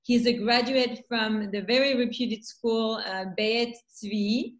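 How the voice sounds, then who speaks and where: A woman with a French accent, a festival founder introducing guests on a video call, talking with many pauses and fillers. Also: on the high side, fairly even intonation, lo-fi sound. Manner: hesitant, many fillers, warm welcoming. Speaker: festival founder hosting a panel.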